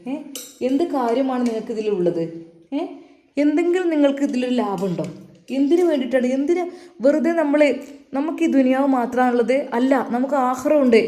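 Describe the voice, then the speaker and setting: A woman's voice: high voice, animated, fairly quick, dark tone, pitched above the performer's own voice. A woman doing a hurt, reproachful grown son. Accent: Malappuram Malayalam. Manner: reproachful, pressing questions. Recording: roomy echo.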